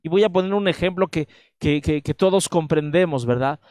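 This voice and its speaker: A man's voice: fairly high pitch, brisk, darkish tone, no echo. A man preaching a sermon in a Mexican accent, emphatic and speaking straight to his listeners. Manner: emphatic preaching, addresses listeners directly with frequent "¿verdad?". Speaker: pastor.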